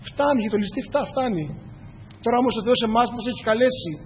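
A man's voice: extremely high pitch, expressive. A man preaching a sermon in earnest, asking rhetorical questions and repeating key phrases. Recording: muffled, echoey hall with faint noise.

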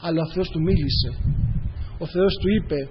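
A man's voice: fairly high pitch, slightly rough. A man preaching a sermon earnestly, addressing the congregation as brothers in a church hall. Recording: dull, with long hall reverb.

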